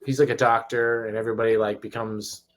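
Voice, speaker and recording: Podcast co-host, male, mid pitch, rambling storyteller, casual. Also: quick pace. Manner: rambling, animated storytelling with many restarts. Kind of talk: casual chat.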